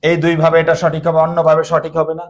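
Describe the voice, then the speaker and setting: A young man with a slightly high voice teaches an online class. He repeats key words with emphasis and keeps quizzing his students. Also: monotone, fast talker.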